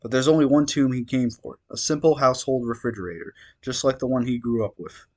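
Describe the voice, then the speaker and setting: A man's voice: medium pitch, a little fast, a little mellow. A man reading fan fiction aloud, stumbling over words now and then and adding wry asides. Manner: reads steadily, stumbles and adds wry asides. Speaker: reader.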